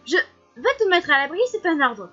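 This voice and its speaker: A woman's voice: high-pitched, very animated, moderate pace, a bit bright. A woman voicing a stern female guard leader who gives curt orders. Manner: curt, commanding. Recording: slightly muffled, faint music behind.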